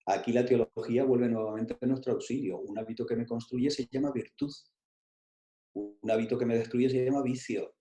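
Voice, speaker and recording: A man's voice: mid-range voice, steady tone, moderate pace, warm tone, reverberant. A man leading an online coaching workshop, stressing his points, repeating key phrases and asking rhetorical questions.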